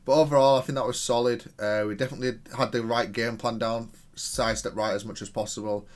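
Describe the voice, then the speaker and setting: Speaking quickly with fairly even intonation and a medium-pitched voice, a man who plays and makes content about video games looks back over his own play. His commentary is casual and analytical, full of out-loud thinking and self-correction.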